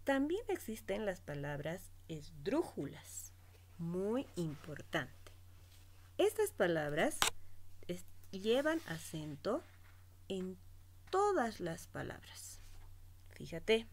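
A woman teacher slowly giving a spelling lesson to children, stretching out each example word. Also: on the low side, very animated. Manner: slow, stretched-out teaching voice, pronouncing words syllable by syllable.

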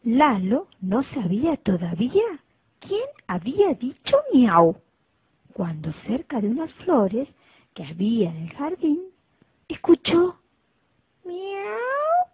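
A woman reading a children's story aloud, slow and expressive. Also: a little high, husky. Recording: tinny phone-like dry recording.

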